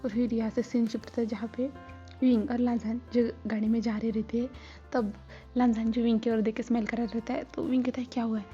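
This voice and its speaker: A woman casually retells a story in a plain, even way. Her voice is dark and mellow and her pitch stays flat. Soft music plays under a slightly muffled recording. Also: fairly quick. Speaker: story narrator.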